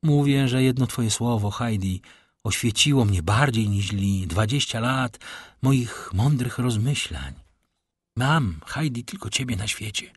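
A man's voice: mid-range voice, expressive, measured pace, slightly rough, no echo, studio quality. Monte Cristo, a man reading a grave brooding count. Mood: tender. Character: brooding middle-aged nobleman, grave and tender.

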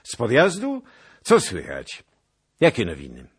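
A man voicing a commanding middle-aged prince who speaks in a lordly, booming way. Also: wildly swooping pitch, measured pace, a bit bright, husky, exaggerated voice.

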